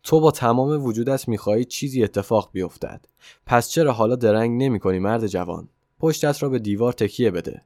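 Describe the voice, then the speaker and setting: A man reading the part of a calm, self-assured wealthy male millionaire who mentors a young man in an audiobook story. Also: medium pitch, no room sound, clean studio sound, lightly acted. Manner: calm and insistent.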